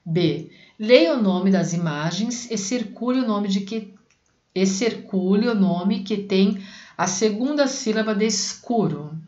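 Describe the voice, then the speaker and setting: A woman teaching a reading lesson to young children, patient, repeating words slowly and breaking them into syllables. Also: mid-range voice, darkish tone. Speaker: primary school teacher. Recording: echoey room, dull lo-fi sound.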